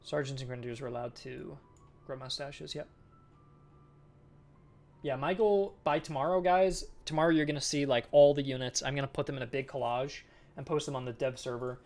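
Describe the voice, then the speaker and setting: A man's voice: medium pitch, steady tone, fairly quick, darkish tone, faint music behind. A man streaming as a game developer, chatting casually with viewers and thinking aloud while he works. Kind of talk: casual live-stream chat while working.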